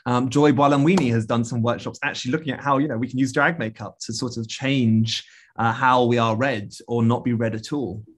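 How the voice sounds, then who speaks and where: A man's voice: mid-range voice, steady tone, fairly quick, husky. A man, a guest artist, answering questions on a video call, thoughtful and full of fillers and restarts. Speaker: guest speaker, media artist. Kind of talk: casual talk and Q&A.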